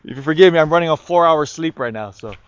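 Clear-voiced male priest, slightly high. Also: fast, muffled recording. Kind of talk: liturgical reading and homily.

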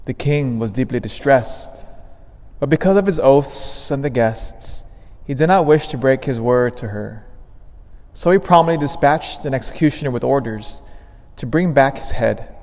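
A man's voice: medium pitch, a little mellow. A male priest reading the Gospel and preaching at Mass in a large church, his voice carried by a cathedral echo. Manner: measured reading, then emphatic rising stresses. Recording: long reverb of a large church.

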